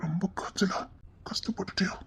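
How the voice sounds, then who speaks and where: A lonely, soft-hearted man with a Tirunelveli Tamil accent, as a woman acts him out, tearful and pleading and often dropping to a hush. The voice is dark and husky, and the recording sounds dull and lo-fi. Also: medium pitch, moderate pace, lightly acted. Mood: moved. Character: lonely, tender-hearted grown man, emotional. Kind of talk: emotional drama acting.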